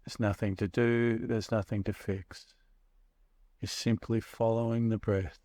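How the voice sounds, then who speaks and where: Male meditation guide, very slow measured delivery, soothing, recorded close and dry with no room sound. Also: lowish voice, little pitch movement, dark tone, no echo. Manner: measured, soothing, pausing between short phrases.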